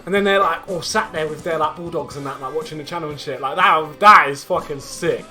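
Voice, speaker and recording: A young man telling a story casually, animated, laughing often, with heavy slang and swearing. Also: on the high side, fairly quick, soft background music. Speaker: vlogger.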